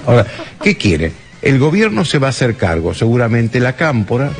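A man's voice: medium pitch, huge pitch swings, normal speed, over music, pitched below the performer's own voice. A man voicing a smug, dismissive male political pundit, quoted on a radio show.

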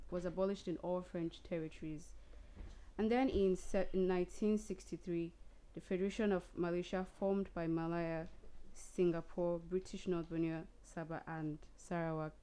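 A woman hosting a casual talk show, reading historical dates and then discussing them in a relaxed way. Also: on the low side, clear, resonant tone. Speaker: host. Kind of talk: casual radio history chat.

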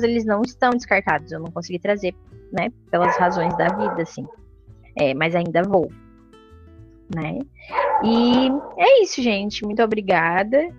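A woman's voice: medium pitch, highs cut off. A woman hosting a solo podcast, talking in a casual, reflective way with many fillers. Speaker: podcast host.

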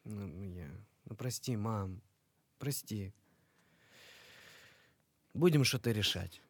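A man playing a wounded soldier phoning his mother, quick to anger and coarse. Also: on the low side, breathy edge, no echo, exaggerated voice. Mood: remorseful. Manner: speaks Russian on a speakerphone call, curses when angry. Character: wounded soldier son, harsh, quick-tempered. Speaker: actor in a radio play.

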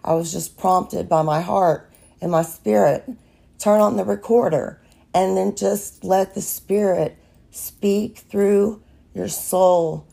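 A woman hosts her own podcast with an unscripted devotional monologue, her voice raspy from allergies and mellow, gravelly in tone. Speaking slowly and earnestly in a mid-range voice with fairly even intonation, she encourages listeners, often circling back and restarting her phrases.

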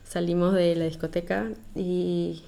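A woman's voice: unhurried, vocal fry. A young Peruvian woman with a Peruvian accent, casually telling a personal story and acting out the quoted lines with a rising voice. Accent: Peruvian Spanish. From Peru. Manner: lively, acts out quoted lines with rising pitch. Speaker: podcast storyteller.

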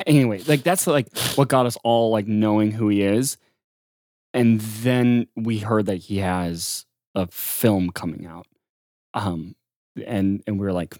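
Relaxed hesitant podcast man. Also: fairly low pitch, measured pace, no room sound, clean studio sound. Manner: relaxed, hesitant, many fillers. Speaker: podcast co-host. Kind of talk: casual chat.

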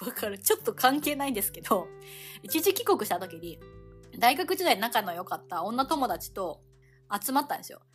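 A woman in her thirties co-hosting a podcast, telling stories in a rapid, very talkative casual chat. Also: fairly high pitch, sing-song, soft background music. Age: 30s. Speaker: podcast co-host.

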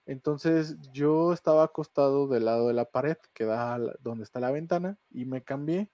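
A man's voice: mid-range voice, moderate pace, dark tone, highs cut off, a little hiss or hum. A man with a Mexican Spanish accent, co-hosting a casual podcast chat and telling a ghost story with slang and laughter. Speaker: podcast co-host.

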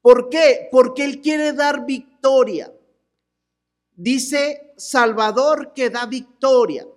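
A woman preaching a sermon in a slow, drawn-out way, her voice sitting high. She asks the crowd questions and draws out each phrase, rising at times to a shout. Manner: animated, asks the crowd questions and calls out with them. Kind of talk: sermon to a mixed congregation with children.

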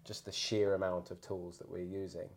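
Low-voiced man from the UK, interview guest. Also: little pitch movement, moderate pace, darkish tone, husky. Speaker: surgeon, podcast guest. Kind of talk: casual interview talk.

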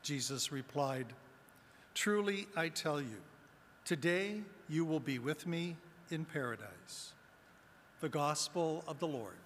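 A man serving as deacon, reading the Gospel and preaching a homily in a measured, deliberate way, his voice carrying a cathedral-like echo in a large church. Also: a little high, expressive, fairly bright tone. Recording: long church reverb, faint room noise.

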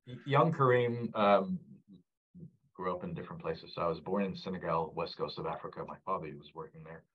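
A low-pitched, brisk male voice with a breathy edge comes through audio whose highs are cut off. He is a podcast guest who founded a data platform; of Egyptian background but raised abroad, he explains his data work earnestly in a conversational interview, repeating key points and often restarting.

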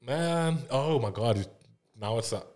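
A man's voice: medium pitch, expressive, slow pace, a little mellow. A young South African man, a podcast guest, chatting in a laid-back way, laughing often and trailing off mid-sentence. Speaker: guest, illustrator and art director. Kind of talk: casual podcast chat.

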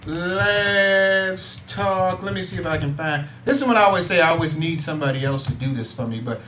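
A man's voice: fairly high pitch, normal speed, a bit bright, a little hiss or hum. A man hosting a casual talk show who gets preachy and hammers his points with repeats. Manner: preachy, building to emphatic repeats. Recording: echoey room.

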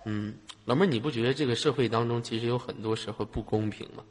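A man's voice: medium pitch, quick pace. A man with a Northeastern Chinese accent hosting a live call-in show, chatting in a teasing, jokey way and often laughing. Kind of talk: joking casual chat with callers. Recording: long reverb, loud background noise.

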